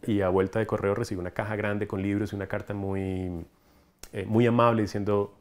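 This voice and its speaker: A man in his forties from Ecuador with a coastal Ecuadorian accent, telling stories with animated enthusiasm in a documentary interview, recorded on a lapel mic in a room lined with specimen cabinets. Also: lowish voice, fairly quick. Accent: Ecuadorian coastal Spanish. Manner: animated, enthusiastic storytelling with hand gestures. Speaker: entomologist, collections coordinator.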